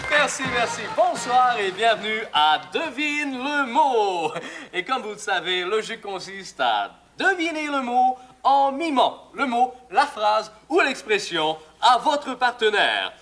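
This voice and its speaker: A chipper Québécois TV quiz host oozes showbiz bounce. His voice sits very high and shines bright, swooping up and down through every line of the sketch parody. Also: big pitch swings, takes it slowly, exaggerated voice. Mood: chipper showman. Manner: bouncy, exaggerated showman delivery. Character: smarmy male TV game show host, chipper. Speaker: game show host. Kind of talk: sketch comedy game show parody.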